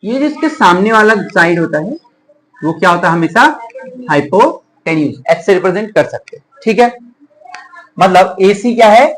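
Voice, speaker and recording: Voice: mid-range voice, expressive, normal speed, slight background noise, poor audio. A teacher giving a classroom math lesson, asking the pupils a question and then repeating the answer back to them. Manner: addresses pupils as children and dear.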